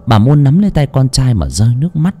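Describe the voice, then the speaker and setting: A man's voice: mid-range voice, fast talker, breathy edge. A man narrating a horror audiobook dramatically. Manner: dramatic, expressive. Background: faint music.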